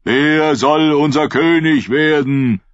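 A man doing a chanting crowd of drowned men. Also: takes it slowly. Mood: urgent. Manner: loud, high, rhythmic chanting. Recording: dull lo-fi dry recording.

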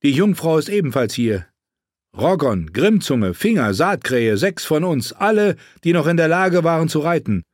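A man's voice: a little high, normal speed, dry recording, studio quality, pitched above the performer's own voice. A man voicing an earnest young soldier. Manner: respectful, steady report.

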